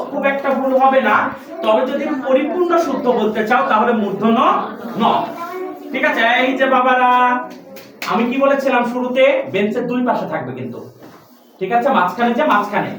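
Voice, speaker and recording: A recitation teacher drilling a class of children on pronunciation, patiently asking the same questions over and over. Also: sits high. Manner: patient, quizzes students with repeated questions. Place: classroom with benches. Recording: very echoey room, distant mic.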